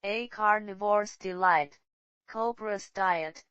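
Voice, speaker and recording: A woman reads scripted nature documentary titles in deliberate, dramatic short phrases. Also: medium pitch, fairly bright tone, no room sound, dull audio.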